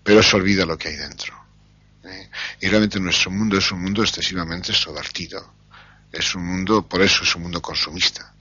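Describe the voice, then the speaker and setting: Low husky man, thoughtful interview guest, hesitant and searching, bright edge. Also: fairly even intonation, no room sound, muffled recording. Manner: slow, thoughtful, with frequent hesitations. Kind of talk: reflective interview answers.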